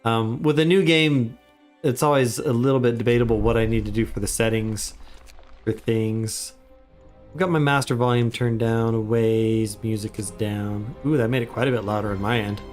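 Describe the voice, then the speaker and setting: With soft background music, a man livestreaming a game talks at normal speed in a steady, mid-range voice that's slightly congested from a cold. He is a father of young kids, and his casual talk is chatty and upbeat, full of greetings to chat.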